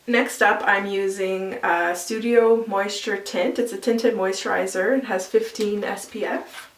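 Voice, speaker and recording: A woman's voice: mid-range voice, steady tone, unhurried, roomy sound, distant mic, slight background noise. A woman talking casually through a makeup tutorial, explaining each step as she applies it, with easy fillers along the way. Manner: chatty, explains while applying, with fillers. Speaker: makeup vlogger.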